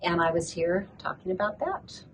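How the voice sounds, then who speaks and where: A woman's voice: lowish voice, lively intonation, normal speed, a little hiss or hum, poor audio. An older woman who grew up in Ethiopia, a children's book author, speaking earnestly as an interview guest at a conference. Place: conference venue.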